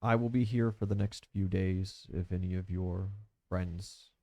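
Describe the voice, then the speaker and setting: Male game master, mellow and low, narrating a tabletop game at an unhurried pace. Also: steady tone, dry recording.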